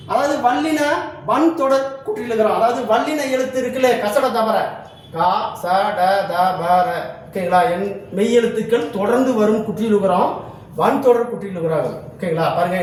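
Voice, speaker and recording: Guy teaching grammar w a really high voice, keeps checking everyones following, far off in a super echoey room. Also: slight background noise. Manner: repeats a checking question after each point. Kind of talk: exam-prep grammar lesson.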